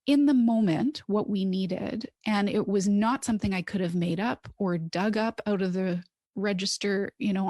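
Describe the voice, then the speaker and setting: Middle-aged woman guest, candid animated storyteller, close dry mic. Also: mid-range voice, dry recording. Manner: earnest, animated storytelling with quoted dialogue. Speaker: guest, clinical counsellor and adoptive mother. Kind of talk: candid podcast conversation.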